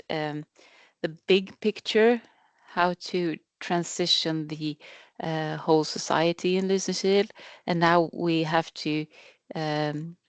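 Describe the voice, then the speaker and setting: A woman's voice: lowish voice, no room sound. A woman giving a project update in an online meeting, hesitant with many fillers. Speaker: project partner. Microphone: video call.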